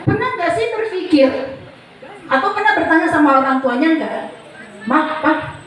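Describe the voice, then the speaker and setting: A woman's voice: extremely high pitch, expressive, a little fast. A woman in her forties, a psychology lecturer giving a chatty, joking seminar talk and quizzing her audience. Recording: very echoey hall, voice far from mic.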